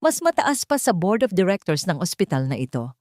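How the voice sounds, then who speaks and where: A woman's voice: on the low side, big pitch swings, brisk, a little mellow, no echo, clean studio sound. A woman voicing a commanding middle-aged male surgeon.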